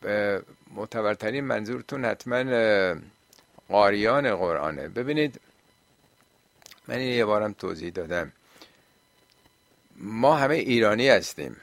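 A man with a fairly low voice explains religious questions in a question-and-answer talk. He often puts rhetorical questions to his listeners. The recording is close and dry, with no room sound. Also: lively intonation, pauses often, no echo.

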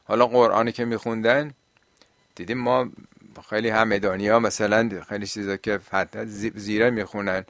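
A man with a fairly low voice explains religious questions in a question-and-answer talk. He often puts rhetorical questions to his listeners. The recording is close and dry, with no room sound. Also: fairly even intonation, fairly bright tone, no room sound.

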